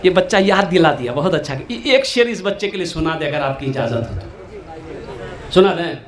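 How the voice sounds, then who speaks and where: A man's voice: fairly high pitch, animated. A man preaching a humorous sermon in an eastern Hindi dialect, acting out characters and now and then singing verses. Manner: sings verses slowly, acts out characters in dialect.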